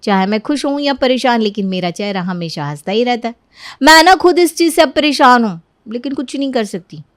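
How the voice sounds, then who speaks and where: Woman doing a cheery young girl in a cartoon, light easy talk, kinda high, dry. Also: animated, fairly quick, no echo, lightly acted. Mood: light, easygoing. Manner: light, easygoing, pleading. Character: cheerful young woman who always looks to be smiling. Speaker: Sonia, the niece.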